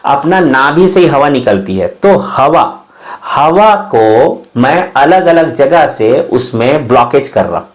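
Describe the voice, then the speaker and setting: A man's voice: mid-range voice, expressive, slow. A man giving an informal spoken lesson, explaining as he goes, sounding out vowels and consonants one by one and often checking in with his listeners.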